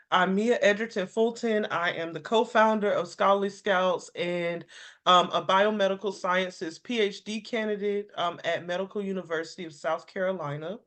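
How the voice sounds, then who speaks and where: A woman's voice: mid-range voice, fairly bright tone. A young adult woman hosting a panel discussion, friendly, with frequent um fillers. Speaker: panel host.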